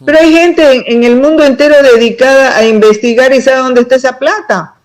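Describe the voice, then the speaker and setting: A woman's voice: sits high, a little fast, poor audio. An emphatic woman speaks as a political pre-candidate in a casual interview. She talks at length, building each explanation point by point with conviction.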